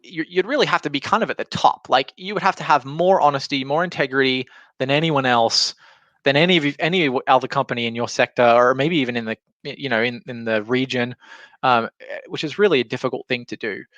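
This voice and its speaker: A business trainer gives a casual explanatory talk, slipping in imagined quotes to make his points. The man's voice sits at a medium pitch, a bit bright and a little fast. The recording is muffled with no echo, and an alarm is going off.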